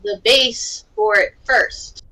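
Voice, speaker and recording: A woman with a bright, crisp voice, chatting casually with friends on a trivia stream. Her remarks are dry and matter-of-fact. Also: a little high, slow pace, poor audio. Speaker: quiz player. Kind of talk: casual banter among friends.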